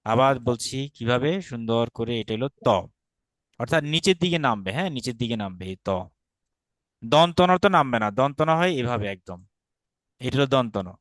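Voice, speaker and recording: A patient Bangladeshi man teaches an online grammar class. He speaks at an ordinary middle pitch, sounds out letters slowly for his students to repeat, and drops English words into his explanations. The recording is dry and close, with no room sound. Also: expressive, dry recording. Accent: Bangladeshi Bengali. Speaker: Sanskrit teacher.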